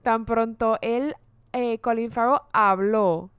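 Brief: woman, podcast co-host, smooth clear voice, animated and salty, slips into English. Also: a little high, takes it slowly, no echo. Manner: animated, swears freely, mixes in English words. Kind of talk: casual film review chat.

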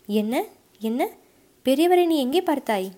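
A woman's voice: on the high side, a little slow, mellow, lightly acted. A woman voicing a proud, hot-tempered middle-aged male fort commander in an audiobook, speaking brusquely and with suspicion. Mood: suspicious. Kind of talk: audiobook character voice.

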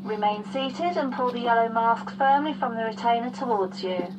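Female flight attendant, higher voice, formal scripted safety briefing, distant cabin speaker, clear background hum. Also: normal speed. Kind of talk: scripted airline safety announcement. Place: aircraft cabin.

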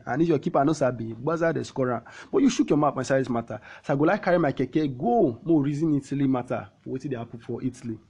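Husky Nigerian Pidgin-speaking man, football host. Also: on the high side. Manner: animated storytelling with rhetorical questions and repetition. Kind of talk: casual spoken football commentary in Nigerian Pidgin.

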